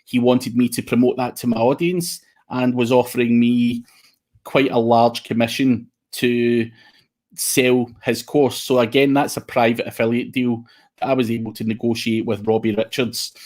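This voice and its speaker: A man's voice: mid-range voice, level tone, normal speed, a little mellow. Man with a broad Scottish accent. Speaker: guest speaker, SEO consultant and trainer. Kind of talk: informal webinar presentation.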